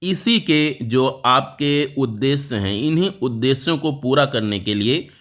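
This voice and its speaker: A man's voice: mid-range voice, expressive, a little slow, a bit bright. A man teaching a current affairs lesson for exam preparation, walking through a map and telling listeners again and again to remember key facts. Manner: explanatory, repeats key facts and says "remember this" over and over.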